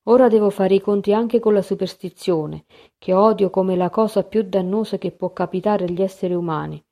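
A woman's voice: medium pitch, brisk, mellow, lightly acted. A woman reading a fussy, exasperated mediator. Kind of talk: audiobook reading.

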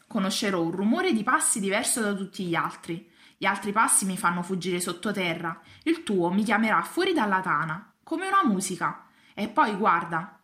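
A woman's voice: mid-range voice, a bit bright, close to an everyday voice. A woman voicing a wistful, lonely and wise female fox, talking earnestly in a storybook reading. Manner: earnest, pleading, reflective.

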